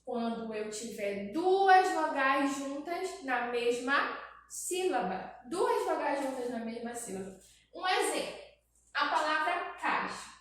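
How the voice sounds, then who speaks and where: A woman's voice: high voice, animated, slow pace, fairly bright tone. A woman teaching a grammar lesson to young children, repeating each point and checking in with "tá?". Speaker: primary school teacher. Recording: very echoey room, voice from a distance, faint noise.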